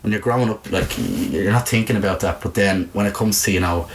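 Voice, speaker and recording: Talking fast in a lowish voice, this Irish video maker with a Dublin accent shares personal stories as an interview guest, casual, candid and full of swearing and "you know." Background noise is noticeable.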